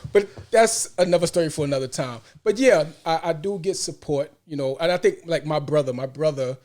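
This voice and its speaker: Higher-voiced Brooklyn man hosting a podcast. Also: brisk, darkish tone. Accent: Brooklyn, New York. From Brooklyn, New York. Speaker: podcast host. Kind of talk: casual conversational banter.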